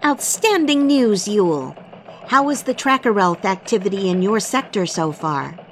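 A woman's voice: medium pitch, lively intonation, a little slow, a little hiss or hum. A woman playing a cheerful elf news anchor in a mock radio newscast, with polished, upbeat delivery. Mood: bright.

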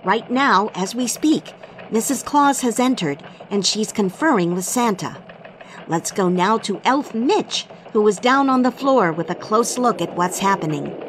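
A woman playing a cheerful Christmas elf who reports the news on radio, earnest and excitable. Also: medium pitch, unhurried, a little hiss or hum, lightly acted, poor audio. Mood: bright, newsy.

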